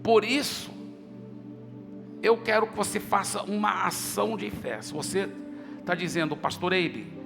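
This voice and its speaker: A man's voice: high voice, a little slow, vocal fry, pauses often. A male pastor preaching a sermon, passionately retelling his prayers and urging leaders to come forward. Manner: impassioned preaching with dramatic retold dialogue. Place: church auditorium. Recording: church hall reverb with faint music.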